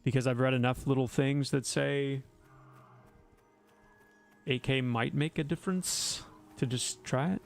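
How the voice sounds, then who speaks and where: A man's voice: mid-range voice, steady tone, a little slow, creaky, long pauses, soft background music. A man streaming a video game, chatting casually with his viewers and teasing them with wry asides. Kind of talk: casual livestream commentary while gaming.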